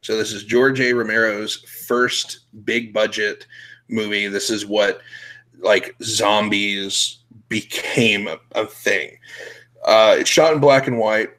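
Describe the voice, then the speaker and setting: A man's voice: lowish voice, steady tone, takes it slowly, fairly bright tone, low-quality recording. A young man hosting a show, chatting casually with blunt, profane, laughing talk. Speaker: podcast host. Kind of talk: casual chat.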